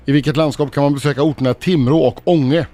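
A man reading quiz questions at a brisk, even pace on a morning radio show. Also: on the high side, faint music behind.

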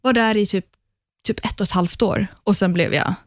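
A woman in her thirties chats as a radio guest, bubbly and talkative, her stories spilling out with fillers and laughs. Her voice sits at an ordinary middle pitch. The studio sound is close and dry, with no room around it. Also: no room sound. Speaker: radio guest, talent show judge. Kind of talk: casual radio interview chat.

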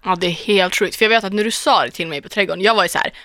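Co-host, bright and supportive, casual chat. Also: mid-range voice, dry recording, studio quality. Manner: supportive, short affirming replies. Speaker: podcast co-host.

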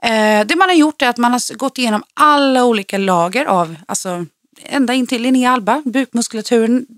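Woman, trainer, lively storyteller, dry close mic. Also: on the high side, no room sound. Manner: lively storyteller, swings up when excited. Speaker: personal trainer and podcast co-host. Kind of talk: casual podcast chat.

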